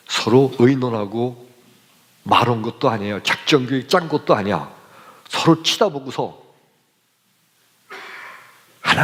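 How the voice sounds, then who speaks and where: Animated male pastor, lively preaching. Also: vocal fry. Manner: animated storytelling, lively swings in pitch. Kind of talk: sermon with personal storytelling. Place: church sanctuary. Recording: long church hall reverb.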